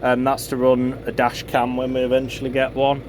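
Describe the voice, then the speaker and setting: With a completely flat delivery and a brisk pace, a farm vlogger explains a DIY installation in an informal, matter-of-fact manner. His mid-range voice is a little mellow, and faint background noise can be heard in this casual how-to vlog shot on a handheld phone.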